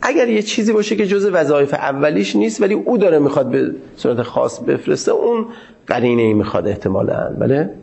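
A man lecturing in a seminary class, with a gravelly, creaky voice. His delivery is formal and measured, and he stops often to search for his words. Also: on the high side, big pitch swings, darkish tone. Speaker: teacher of Islamic jurisprudence.

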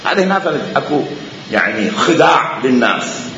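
A man's voice: mid-range voice, big pitch swings, normal speed, vocal fry, pushed and bright, a little hiss or hum. A man with an Iraqi accent giving a religious lecture, emphatic and repeating phrases for stress. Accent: Iraqi Arabic. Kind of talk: lecture on Islamic jurisprudence. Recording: echoey hall, dull lo-fi sound.

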